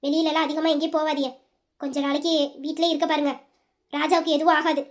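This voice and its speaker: A woman voicing a firm, protective elder sister who gives steady, commanding instructions in an audio drama. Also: high-pitched, fast talker, pitched below the performer's own voice, natural voice. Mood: reassuring.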